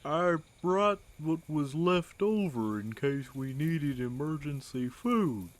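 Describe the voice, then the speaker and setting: An actor voicing a gentle, generous young turtle who speaks politely and softly. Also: mid-range voice, animated, takes it slowly.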